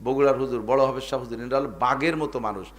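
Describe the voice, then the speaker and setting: A middle-aged man from Bangladesh preaching a sermon to a crowd, rousing and emphatic, rising to loud bursts and dropping to low asides while he puts rhetorical questions to his listeners. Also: fairly even intonation, quick pace.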